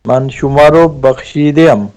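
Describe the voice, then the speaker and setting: Male student on a video call, ordinary voice, unsure, halting answers. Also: a little high, darkish tone, rough recording. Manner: hesitant, answers in halting pieces. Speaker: language student. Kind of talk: online one-on-one language lesson.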